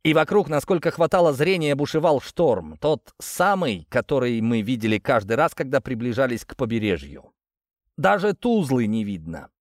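A man reading a first-person audiobook in a steady, grim storytelling manner. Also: medium pitch, normal speed, dry recording, studio quality. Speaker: audiobook narrator.

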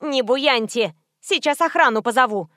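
A woman's voice: high voice, expressive, normal speed, dry recording, clean studio sound. Woman doing a snappy rude young cashier. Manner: snappy, sharp and loud.

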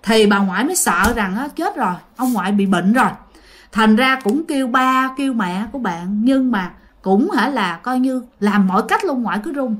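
Animated woman telling a ghost story. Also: fairly high pitch, moderate pace. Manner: animated, addressing listeners directly. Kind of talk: casual spoken ghost story.

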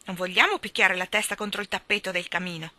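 A woman voicing a small, doubtful young boy in a storybook, speaking higher and a little slower. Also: fairly even intonation, pushed and bright, no room sound. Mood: wondering.

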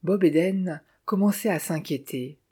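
A narrator reading a detective novel aloud in an even, measured way. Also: mid-range voice, slightly rough. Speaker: audiobook narrator.

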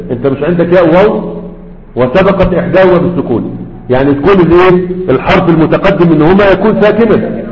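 Man, Egyptian accent, grammar teacher, checks in with students often, long hall reverb, lo-fi. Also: sits high. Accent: Egyptian Arabic. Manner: keeps checking with students, asking "right?". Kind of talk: classroom lecture. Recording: echoey hall, dull lo-fi sound.

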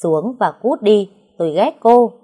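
A curt, brooding young man, voiced by a woman reading a story. He is dismissive and cold, in a low, mellow tone. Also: moderate pace, natural voice. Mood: angry.

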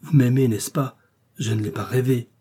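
A man's voice: medium pitch, steady tone, warm tone, slightly rough, close to an everyday voice. A man reading an impassioned pleading lover. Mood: pleading passion. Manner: earnest and halting. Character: pale, impassioned gentleman lover.

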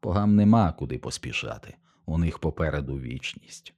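A man's voice: rumbling low, lively intonation, mellow, heavily acted. Rumata, a cold haughty nobleman read by a man. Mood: brooding. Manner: cold, contemptuous, measured.

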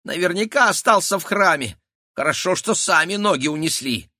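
A man voicing a greedy, squeaky, rat-like bald male bandit in an audiobook, shrill and excitable. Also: moderate pace, no room sound, studio quality, exaggerated voice. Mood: greedy glee. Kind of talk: audiobook character voice.

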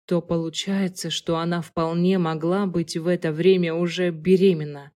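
Female audiobook narrator, lower voice, calm and soft. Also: normal speed.

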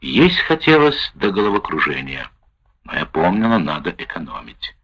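Reading his wartime memoir aloud, the man keeps a steady, measured pace while his low, husky voice rises and falls expressively. It's a first-person account captured in dull, lo-fi audio.

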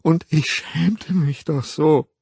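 A man reading an audiobook voices a distraught, tearful middle-aged woman who pleads, whines and breaks into husky whispers. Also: on the high side, slow, darkish tone, no echo, studio quality, pitched above the performer's own voice, heavily acted. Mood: pleading, tearful.

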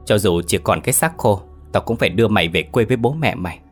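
A desperate, haunted young woman pleads and begs in an audio horror story, voiced by a man reading. Her lines come in a low, deep register over a faint music bed. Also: animated, quick pace, slightly rough. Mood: pleading. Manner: desperate, begging.

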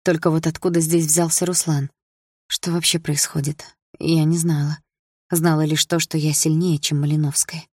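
Low-voiced woman reading an audiobook. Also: level tone, moderate pace, darkish tone, slightly rough, dry recording, clean studio sound. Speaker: audiobook narrator. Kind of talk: first-person audiobook narration.

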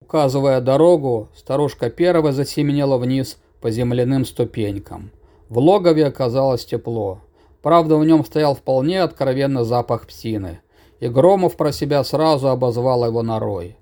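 A man reading a fantasy story aloud as an audiobook narrator, steady and measured. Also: mid-range voice.

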